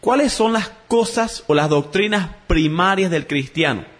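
A man's voice: high voice, unhurried. A man preaching a sermon in an earnest teaching tone, calling his listeners brothers. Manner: acts out dialogue in a joke with lively voices.

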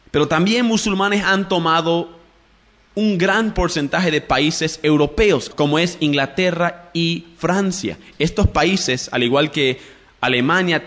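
A man's voice: a little high, fairly bright tone. A man giving a religious radio teaching in a didactic way, addressing listeners directly and spelling out words letter by letter. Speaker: radio preacher.

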